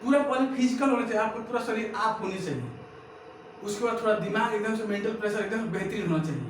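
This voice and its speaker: A very high-pitched man runs a pronunciation drill, saying each word over and over and firing back "what?" after it. He is recorded from a distance in a very echoey room, with faint noise underneath. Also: fast. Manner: drills words by repetition, keeps asking "what?". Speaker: English teacher.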